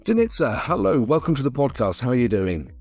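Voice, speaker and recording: A man's voice: medium pitch, big pitch swings, brisk, a little mellow, soft background music. A man hosting a podcast interview, friendly, with stumbling restarts in his questions.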